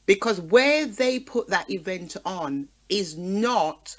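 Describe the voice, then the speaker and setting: On a radio talk show, a woman from the Caribbean community in the UK takes things slowly but expressively in her mid-range voice. Her conversational contribution is passionate and emphatic, full of rhetorical questions.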